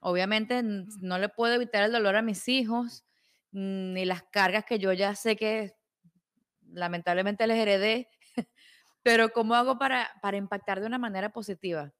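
A woman's voice: medium pitch, fairly even intonation, moderate pace, fairly bright tone, clear, resonant tone. A woman hosting an interview, asking questions in a hesitant way and searching for her words. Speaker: interview host. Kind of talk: conversational interview.

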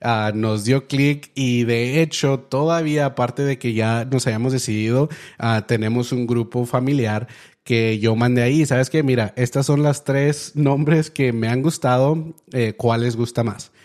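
A man's voice: medium pitch, unhurried, darkish tone. A young man hosting his own podcast, telling a story in a loose, chatty way full of fillers and restarts. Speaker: podcast host. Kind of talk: casual storytelling monologue.

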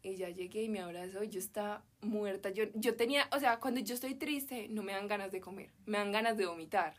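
A young Colombian woman with a Medellín accent speaks in a brisk, mid-range voice. She's a podcast guest in a casual chat, telling an emotional story packed with slang.

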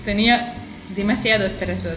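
A Russian-accented woman talks casually as an interview guest, feeling for words in a language that is not her own. Her voice sits at an average pitch. The room echoes around her and music plays clearly behind. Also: fairly even intonation. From Siberia, Russia. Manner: halting, searching for words in a second language. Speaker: interview guest, visual artist.

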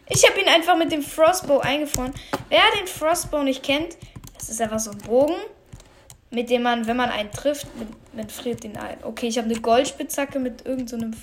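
A woman giving casual commentary on her own video game, excitable, swearing and muttering at what happens on screen. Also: high-pitched, a little hiss or hum. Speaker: gamer commentating her play.

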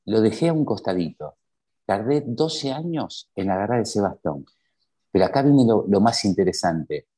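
Argentine man, guest storyteller: low, warm-toned voice, emphatic delivery that keeps asking the listener questions. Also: lively intonation, moderate pace, husky. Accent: Argentine Spanish. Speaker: interview guest. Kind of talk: personal storytelling.

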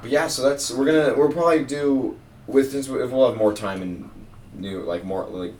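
A man's voice: mid-range voice, moderate pace, a little mellow, a little hiss or hum. A young man hosting a podcast in casual chat, rambling with lots of fillers. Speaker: podcast host. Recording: roomy sound, mic at a distance.

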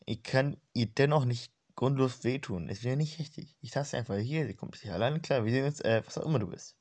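A puzzled, kindhearted young man who cannot remember who he is, wondering aloud, as a man reads a comic's hero. He is earnest and talks at a middling pitch. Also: a little fast, a little mellow, close to an everyday voice. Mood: wary. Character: confused young human man, kindhearted, without memories.

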